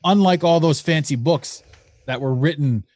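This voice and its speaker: A man hosting a podcast, talking casually and telling an analogy story in an animated way. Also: on the high side, normal speed, no room sound. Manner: tells stories with analogies, animated retelling. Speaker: podcast host.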